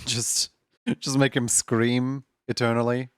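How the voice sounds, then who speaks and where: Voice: medium pitch, level tone, takes it slowly, smooth, no room sound, studio quality. A streamer chatting casually while drawing on a livestream, playful and given to cutesy exclamations. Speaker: streamer, animator.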